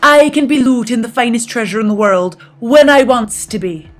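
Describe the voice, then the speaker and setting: A woman voicing a boastful, swaggering male pirate captain who talks in loud, gruff pirate slang, heard as if from a distance. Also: on the high side, lively intonation, normal speed, faint music behind, natural voice. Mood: blustering.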